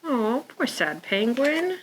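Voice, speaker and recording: A woman whose voice sits high reads slowly through picture books for a preschool storytime, as a children's librarian presenter. She speaks simply and expressively to young children, with sighs, gasps and exclamations. Poor audio, slight background noise.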